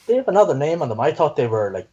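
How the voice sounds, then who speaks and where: A man's voice: fairly high pitch, sing-song, racing, mellow, slightly rough, highs cut off. A man talking casually and thinking aloud as a quiz contestant.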